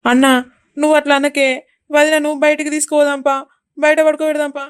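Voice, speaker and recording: A woman's voice: sits high, little pitch movement, close to an everyday voice. A woman voicing a meek young village brother. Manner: meek, quick agreement. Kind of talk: cartoon voice acting.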